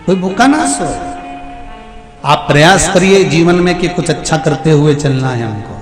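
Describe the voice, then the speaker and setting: A man's voice: a little high, expressive, a little slow. A male preacher with a central Indian Hindi accent, giving a storytelling devotional sermon that pleads with and jokes to a crowd. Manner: storytelling, pleading, mixes jokes and rhetorical repetition. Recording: echoey hall with music.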